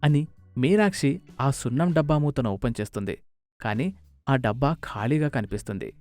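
Lively male storyteller, dry sound. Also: mid-range voice, moderate pace, no echo, soft background music. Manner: expressive, animated. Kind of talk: scripted story narration.

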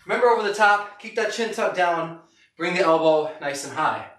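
A middle-aged man with a high, lively voice coaches a live boxing workout at a moderate pace, firing off short, punchy, encouraging cues as he hits a punching bag. He's indoors in a garage gym, with the camera several metres away. The recording is echoey and noisy, and he's far from the mic.

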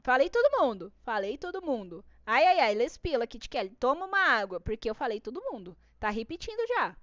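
Brazilian lady, high lively voice, chatty art stream host, kinda dull dry audio. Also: fairly quick, dry recording. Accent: Brazilian Portuguese. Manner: bubbly, chatty, greets viewers by name. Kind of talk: casual live-stream chat.

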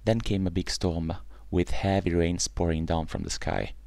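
A man reading a children's bedtime story aloud in a gentle, unhurried way. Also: sits low, fairly even intonation, gravelly, dry recording.

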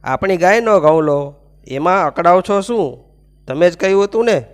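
A man's voice: high-pitched, expressive, moderate pace, pitched above the performer's own voice. A man voicing a simple-minded young daughter-in-law in a devotional folk tale, in a plain, bewildered way. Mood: defensive.

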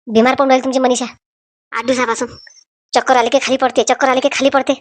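A woman's voice: high-pitched, little pitch movement, quick pace, no room sound, lightly acted. A woman voicing a scheming older village woman in a cartoon, wheedling and whiny, with a Varhadi Marathi accent.

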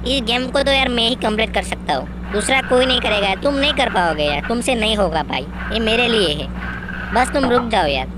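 In character for gaming commentary, a man voices a boastful, bossy young man who brags and impatiently orders others around. His voice is high-pitched and brisk with lively intonation, against a noisy background.

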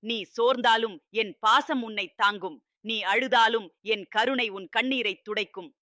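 A man voicing a loving fatherly god who speaks to his child in a scripted devotional address, solemn and tender, with steady repetitive reassurances. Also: high-pitched, no room sound, studio quality.

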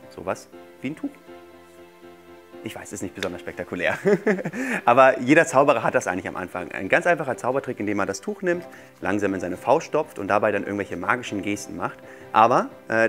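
Here a thirtysomething man performs as a show's guest magician, giving children easygoing, playful patter as he demonstrates tricks. His voice sits on the low side with a bit of brightness, and the setting is a small furnished TV studio indoors.

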